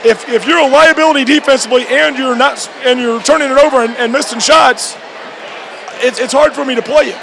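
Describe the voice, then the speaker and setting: A high school basketball coach gives a postgame radio interview, repeating phrases and restarting haltingly. He's in a noisy gym with a loud crowd and clear background noise behind him.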